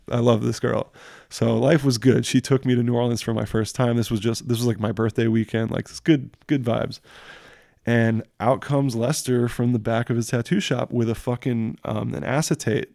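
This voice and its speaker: A man's voice: mid-range voice, vocal fry, darkish tone, no echo, studio quality. A young man telling stories in a casual chat, rambling and slangy, packing every sentence with fillers and swearing. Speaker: guest telling tattoo stories.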